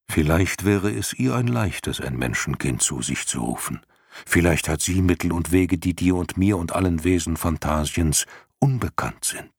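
A man voicing a wise, calm old male luck dragon in an audiobook reading, speaking patiently and persuasively. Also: low voice, breathy edge, no echo, clean studio sound, exaggerated voice. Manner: patient, reasoning, gently persuasive.

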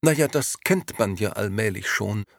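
A man's voice: on the low side, animated, vocal fry, no room sound, studio quality, voice pushed up. A man doing a pushy, affronted lady. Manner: affronted, insistent, fast-talking. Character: indignant pushy lady reporter, woman.

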